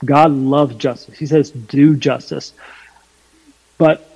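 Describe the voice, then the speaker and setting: A man with a Southern US accent and a slight twang, explaining his faith emphatically and deliberately in a preaching style during a conversation. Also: medium pitch, fairly even intonation, gravelly, mellow, slightly rough, lo-fi sound. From North Carolina, USA. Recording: long hall reverb.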